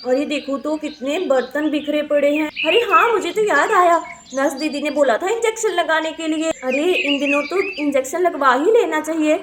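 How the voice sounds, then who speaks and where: A woman's voice: high-pitched, background noise, lightly acted. A woman voicing a caring village housewife and mother in a doll story, fussing over the house and the children. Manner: fussing, scolding tone. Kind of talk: doll story play-acting.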